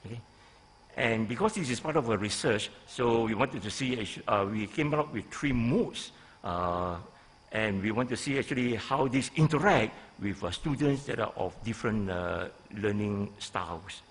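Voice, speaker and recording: A Malaysian-accented professor in his sixties gives a deliberate, halting conference presentation into a gooseneck lectern microphone, stressing key phrases. His fairly low voice is animated, with a breathy edge.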